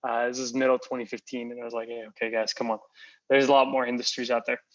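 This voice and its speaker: A young man from Costa Rica, the guest, telling his story in a relaxed interview with many fillers and repeated words. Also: medium pitch, quick pace. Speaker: founder and guest. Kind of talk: casual interview. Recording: slightly dull lo-fi audio.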